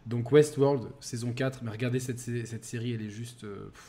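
A man co-hosts a podcast, talking with slangy enthusiasm and bursts of laughter. His voice sits at an average pitch for a man. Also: fairly even intonation, moderate pace, dark tone. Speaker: podcast co-host. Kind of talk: casual chat.

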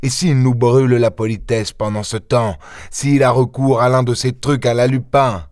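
A man voicing an impatient, gruff middle-aged police inspector who talks in an excitable, insistent way, for an audiobook. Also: mid-range voice, moderate pace, no room sound, clean studio sound, close to an everyday voice. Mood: agitated. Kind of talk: audiobook character voice.

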